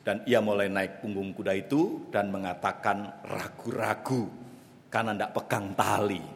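A man preaching a sermon, telling a story dramatically and swinging between loud calls and hushed asides. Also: on the low side, fairly even intonation, normal speed, vocal fry. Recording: long reverb of a large hall.

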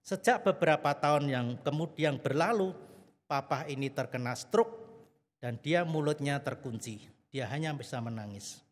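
Dramatic preacher man in a reverberant hall. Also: moderate pace. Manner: dramatic storytelling, swings from loud exclamations to soft low passages. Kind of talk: sermon.

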